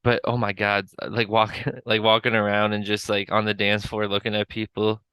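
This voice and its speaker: A man with a lowish, smooth and bright voice, telling animated stories in casual podcast chat. He mimics his friends as he goes. The sound is dry and close. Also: normal speed, no room sound. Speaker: podcast co-host.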